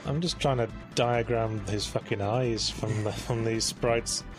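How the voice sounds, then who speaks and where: A man's voice: fairly low pitch, fairly even intonation, measured pace, over music. A man giving casual gaming commentary, sardonic and profane, riffing dryly on what is on screen.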